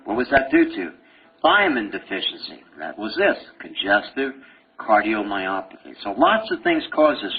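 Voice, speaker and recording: Male lecturer, animated and teasing with students; tinny lo-fi classroom recording. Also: medium pitch, a little hiss or hum. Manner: animated, joking, asks the class questions. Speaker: medical lecturer.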